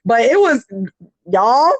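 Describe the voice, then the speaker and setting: A woman's voice: high-pitched, very animated, takes it slowly, no echo, low-quality recording. A woman in her thirties telling a personal story on a podcast, rambling with lots of fillers. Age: 30s. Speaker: podcast co-host. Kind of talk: casual chat, personal storytelling.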